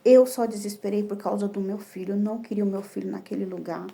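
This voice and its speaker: Brazilian woman telling her faith testimony at home, warm soft voice, keeps saying brothers, emotional. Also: mid-range voice, fairly even intonation, fast talker, creaky. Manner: emotional, repetitive, addresses listeners as brothers. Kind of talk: religious testimony. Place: indoor home room.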